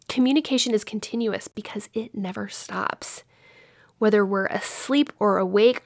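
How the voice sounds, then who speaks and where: A woman's voice: mid-range voice, vocal fry, no room sound, studio quality. A woman in her thirties from Texas gives an informal talk on communication, explaining with personal stories. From Dallas-Fort Worth area, Texas. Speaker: speaker on communication.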